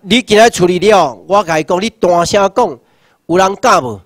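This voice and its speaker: A Taiwanese man in his sixties gives a rousing political lecture. He asks rhetorical questions and shouts slogans. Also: high voice, lively intonation, moderate pace, no echo. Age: 60s. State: numb hands and feet. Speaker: seminar lecturer.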